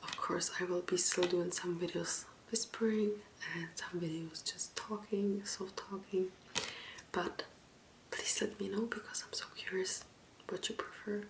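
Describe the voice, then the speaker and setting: A woman who is not a native English speaker, whispering soft ASMR book talk close to the mic and asking viewers questions directly. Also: on the low side, steady tone, a little slow, low-quality recording. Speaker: ASMR creator.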